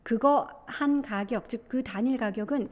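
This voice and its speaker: A woman's voice: fairly high pitch, moderate pace. A young Korean woman teaching an English exam passage in a chatty lecture, often asking her students rhetorical questions.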